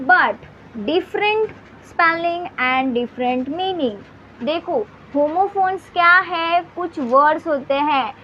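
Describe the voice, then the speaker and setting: High-voiced Indian woman teaching grammar. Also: lo-fi sound, slight background noise. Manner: repetitive, addresses students directly, slow dictation of definitions. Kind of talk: classroom lesson explanation.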